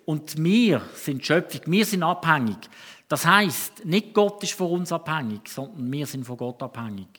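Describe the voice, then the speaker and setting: A man's voice: a little high, lively intonation, normal speed, fairly bright tone, slightly rough. A man with a Swiss German accent preaching a sermon in a conversational, storytelling way, often breaking off and restarting.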